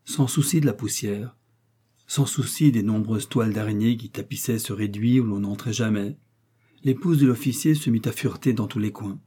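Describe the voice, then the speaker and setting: Male audiobook reader, mellow husky tone, steady novel narration. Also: fairly low pitch, moderate pace. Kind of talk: scripted narration of a wartime novel.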